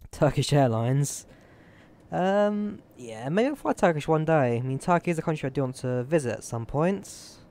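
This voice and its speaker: This young man from the UK has a fairly high, expressive, slightly mellow voice and talks at normal speed. He rambles chattily to his live-stream audience while flying a simulator, thinking out loud as he tweaks settings.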